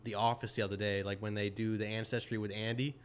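A man's voice: fairly low pitch, level tone, fast talker. A young man hosting a casual podcast in a rambling, slangy frat-bro manner, swearing freely. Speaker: podcast host. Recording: faint background noise, room ambience.

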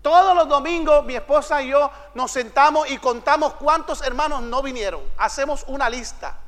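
A man preaching a sermon as a pastor to his congregation in a church, building to emphatic shouted declarations and bantering playfully with the listeners. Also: very high voice, moderate pace. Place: church sanctuary. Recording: long hall reverb.

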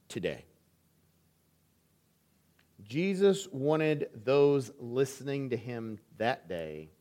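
A man's voice: mid-range voice, darkish tone. A man preaching a sermon in a church as an elder, telling stories and acting out family conversations. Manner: storytelling, acts out family dialogue.

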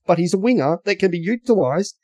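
A man's voice: sits high, lively intonation, a little fast, dark tone, no room sound. An Australian man, a podcast contributor, giving blunt, rambling football analysis in casual chat, often repeating words.

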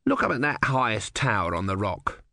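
Man voicing a dry, knowing tortoise god, lively delivery, close dry sound. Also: fairly low pitch, normal speed, vocal fry, dry recording, exaggerated voice. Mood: sardonic. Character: sardonic small tortoise god, male.

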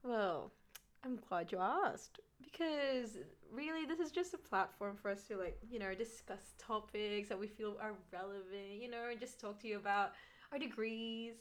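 A woman's voice: medium pitch, moderate pace. A young woman from Australia, co-hosting a casual podcast in a giggly, agreeable way. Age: young adult. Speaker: podcast co-host. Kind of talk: casual chat. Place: small room at a table.

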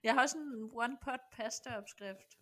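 A woman's voice: on the high side, bright, forceful tone. Giggly young woman in casual chat. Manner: informal, giggly. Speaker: podcast co-host.

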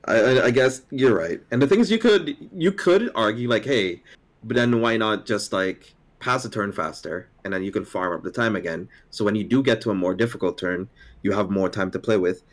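A man's voice: fairly low pitch, brisk. A man co-hosting a podcast about a card game, talking casually with frequent fillers and restarts, and slipping into mock-sarcastic asides. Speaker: podcast co-host. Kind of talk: casual chat.

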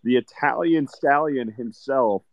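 A man hosting a casual live audio chat from a festival, relaxed and rambling. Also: mid-range voice, a little slow, dull audio. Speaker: host. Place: festival event in Austin.

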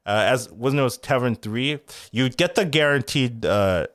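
A man in casual podcast chat about a card game patch, excitable and rambling, laughing often. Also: medium pitch, measured pace, no room sound, clean studio sound. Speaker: co-host discussing game patch.

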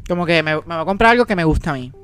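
A man's voice: a little high, expressive, very fast, a bit bright, smooth, no room sound, faint music behind. A Puerto Rican man hosting a casual podcast chat, blunt and prone to swearing, peppering Spanish with English slang. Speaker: podcast host.

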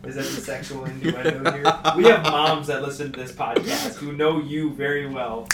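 A man's voice: fairly high pitch, moderate pace. Young man hosting a podcast, echoey. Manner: joking, laughs often, teasing. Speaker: podcast host. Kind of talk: casual podcast banter. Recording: echoey room with crowd noise.

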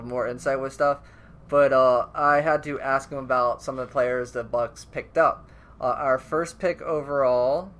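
A man's voice: medium pitch, a bit bright. A man co-hosting a podcast in casual chat, rambling and restarting his sentences, often laughing. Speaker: podcast co-host.

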